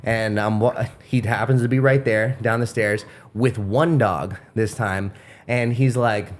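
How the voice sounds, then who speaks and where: A man's voice: lowish voice, fairly even intonation, unhurried. A man hosting a podcast, telling a long, rambling, profane story in casual chat. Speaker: podcast host.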